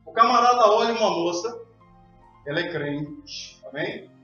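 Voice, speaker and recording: High-voiced preacher in an echoey church. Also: male voice, animated, measured pace, pushed and bright. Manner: emphatic preaching, repeated calls to the congregation. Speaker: pastor. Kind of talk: sermon. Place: church hall. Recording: echoey hall, distant, dull sound, faint music.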